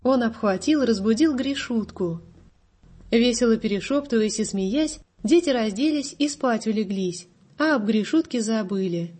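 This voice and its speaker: A woman narrating a story aloud in a measured storytelling manner. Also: a little high, expressive, a little mellow, breathy edge.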